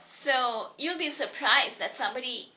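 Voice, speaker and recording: An economics professor from India, a woman in her thirties, tells her life story in a personal oral history interview. She speaks earnestly and reflectively at a moderate pace, in a high, pushed, bright voice, often restarting her sentences. The audio quality is poor.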